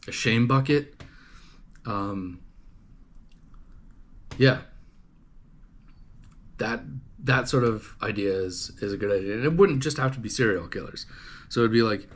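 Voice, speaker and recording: A man from Canada casually chatting to his livestream viewers, rambling and swearing, with lots of fillers and restarts. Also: mid-range voice. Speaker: livestream host. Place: home livestream setup.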